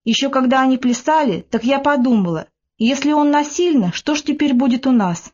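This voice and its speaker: A woman reading the part of a shy, easily frightened young bride who speaks softly. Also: high-pitched, lively intonation, brisk, dull audio. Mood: timid. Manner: soft, hushed questions.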